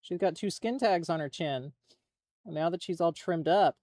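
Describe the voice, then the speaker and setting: A woman's voice: moderate pace, mellow, dry recording. Chatty woman painting at her desk. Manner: chatty, slips into high baby talk with her dogs. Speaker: prop maker. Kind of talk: casual chat while painting. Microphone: phone used as webcam.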